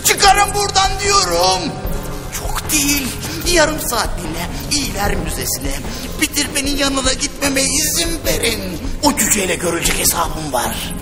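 An actor playing a furious, vengeful pirate captain, blustering and demanding. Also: male voice, very high-pitched, very animated, normal speed, heavily acted. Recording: loud background music.

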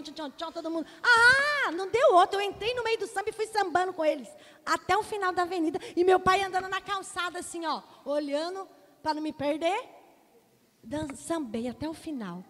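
Woman in her forties, Brazilian accent, pastor, lively storytelling sermon, fairly high voice, long church reverb. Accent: Brazilian Portuguese. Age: 40s. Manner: animated storytelling, addresses congregation directly. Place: church hall.

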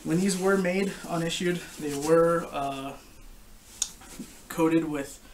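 A young man giving a casual, informal product review to camera, explaining things in a halting way. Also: on the high side. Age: young adult. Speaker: gas mask collector and reviewer. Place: living room couch, indoors. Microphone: camera a short distance away. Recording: distant camera mic with background noise.

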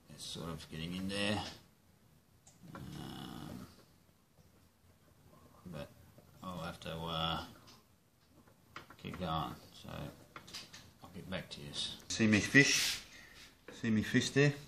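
An Australian man who builds rods as a hobby shows his work in a casual how-to video from his kitchen, joking, swearing freely, and rambling. His deep voice is animated, bright, and forceful, but slow, with vocal fry, long pauses, and a little hiss or hum.

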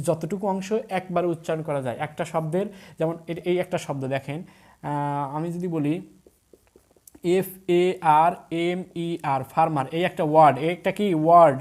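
A patient grammar tutor, talking at an even middle pitch through a recorded video lesson. The teacher sounds out each word letter by letter, says the key point twice and keeps quizzing the viewers. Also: brisk.

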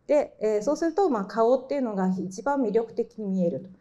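A middle-aged woman giving a mock university lecture to high school students, explaining step by step with many fillers and self-corrections. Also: lively intonation, fairly quick, warm tone. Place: lecture hall. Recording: dull lo-fi lecture recording.

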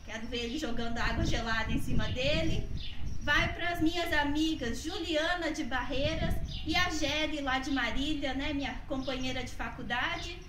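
A young woman with a Brazilian accent talking casually to a camera a few metres away on a tiled porch. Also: sits high. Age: young adult. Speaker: ice bucket challenge participant. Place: tiled covered porch outdoors. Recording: distant mic, echoey, clear background noise.

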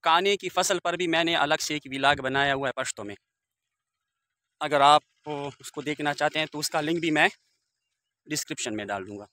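A fairly high-pitched man speaks at a moderate pace in a pushed, bright voice. He's a village vlogger in his forties narrating a walking tour outdoors in open riverbed countryside, holding his phone camera and speaking formally and devoutly, with Arabic blessings.

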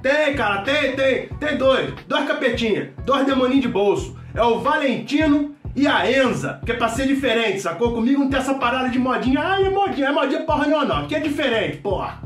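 An actor playing a loud, brash middle-aged mechanic with a Carioca accent, who shouts, swears constantly and rambles in a comedy sketch. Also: male voice, very high-pitched, lively intonation, a little fast, few pauses. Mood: boisterous. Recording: echoey room, distant mic, faint music.

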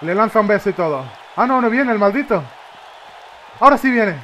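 Spanish guy yelling at his wrestling game, highish voice, roaring crowd behind. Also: brisk. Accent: Spain Spanish. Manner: excitable, shouting reactions at the game. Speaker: gamer. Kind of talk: live gameplay commentary. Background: wrestling game crowd noise.

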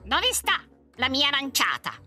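A tiny, pompous storybook king shrieks and scolds in a piercing high voice that leaps all over the place, put on by a woman reading the tale. He is loud, bossy and quick to insult. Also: wildly swooping pitch, faint music behind, exaggerated voice. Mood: indignant. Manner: shrill, shouting, insulting. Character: tiny pompous tantrum-throwing king, man. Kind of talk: storybook read-aloud.

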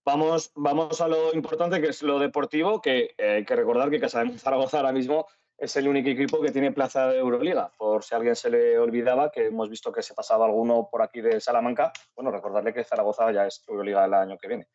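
A man's voice: mid-range voice, steady tone, fast talker, a little mellow, dry recording. A man hosting a casual sports talk show, steering the talk and asking his panel questions. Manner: steers the talk, brief backchannel sounds. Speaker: host. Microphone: video call. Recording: dull lo-fi video call audio.

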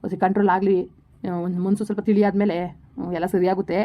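Brief: a fatherly police officer, firm but soothing and quick-spoken, played by a woman, lo-fi sound. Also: medium pitch, little pitch movement, natural voice. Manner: reassuring, fatherly, rapid. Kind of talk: village family drama. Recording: dull lo-fi recording.

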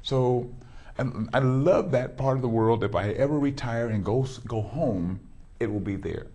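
A middle-aged man from Los Angeles, California, a pastor hosting a TV studio interview before a backdrop, rambles and repeats words frequently. He has a mellow, medium-pitched voice and keeps a moderate pace.

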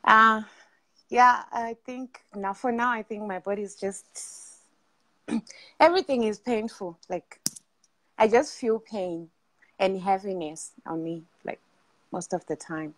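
Woman, young adult, video caller, soft, halting, dry close sound. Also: medium pitch, dry recording. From Zimbabwe. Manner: soft, halting, many fillers. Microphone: video call.

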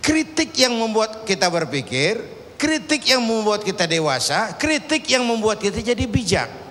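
A man's voice: sits high, sing-song, normal speed, fairly bright tone. A man preaching a sermon to a congregation in a casual way, telling stories and acting out their voices. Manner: storytelling, acting out voices in a parable. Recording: reverberant hall, faint ambient noise.

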